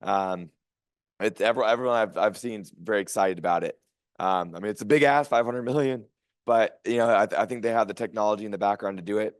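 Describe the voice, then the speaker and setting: Hoarse, sleep-deprived conference emcee. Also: male voice, lowish voice, fast talker, no room sound, studio quality. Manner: rambling, grateful, enthusiastic. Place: hotel conference room.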